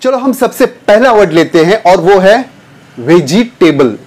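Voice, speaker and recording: A man teaching English pronunciation, drawing out and repeating each word slowly and calling his viewers dear students. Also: sits high, lively intonation, darkish tone. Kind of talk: pronunciation lesson.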